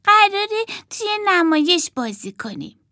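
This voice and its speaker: A woman's voice: very high voice, lively intonation, a bit bright, no echo, studio quality, voice pushed up, heavily acted. A woman voicing a wide-eyed little girl doll who sounds full of wonder. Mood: excited.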